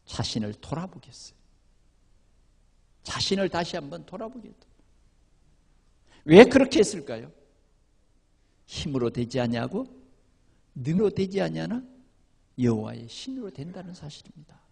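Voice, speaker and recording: A male pastor preaching a sermon, with emphatic swings between loud declarations and quiet asides. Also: a little high, very animated, moderate pace, gravelly, pauses often, husky. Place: church sanctuary. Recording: reverberant church hall.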